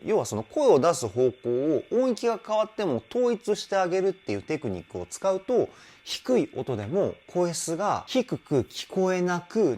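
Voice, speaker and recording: A man's voice: fairly high pitch, a little mellow. A man working as a vocal coach, giving enthusiastic, explanatory reaction commentary on a song and praising the singers often.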